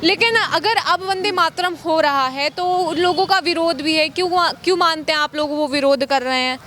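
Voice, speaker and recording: Street reporter: woman, very high and bright, probing, outdoors with faint traffic noise. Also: moderate pace. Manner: probing questions, frequent hums of assent.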